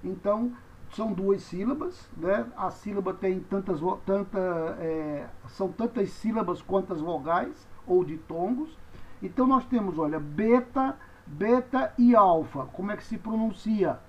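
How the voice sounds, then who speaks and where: Slow, patient man teaching. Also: high-pitched, expressive, slight background noise. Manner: patient, spells letters out and repeats each word slowly. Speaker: Greek teacher. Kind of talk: classroom lecture. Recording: dull lo-fi recording.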